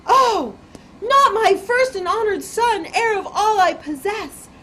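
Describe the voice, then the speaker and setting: A woman's voice: a little high, big pitch swings, slow, a little hiss or hum, rough recording. A woman voicing a stern, formal mother in a folktale, speaking in a grand, scolding manner. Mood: alarmed. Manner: scolding, grand, archaic phrasing.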